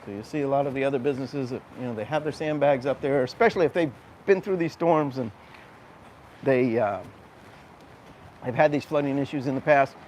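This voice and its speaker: Medium-pitched and a little mellow, a man talks fairly quickly but with long pauses while hosting a live walking tour. He points things out and explains in a conversational way, recorded on noisy town streets with urban sound around him.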